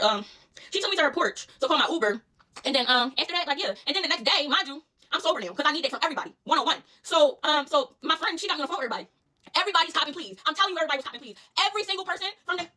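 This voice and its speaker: A young woman with a Philadelphia accent, telling a storytime in a rapid, animated, profane slang-filled way. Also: sits high. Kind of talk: casual storytime vlog.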